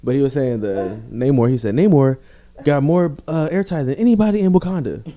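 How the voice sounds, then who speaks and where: A man's voice: medium pitch, fairly quick, warm tone. A man co-hosting a podcast in casual chat, joking and playful. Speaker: podcast co-host.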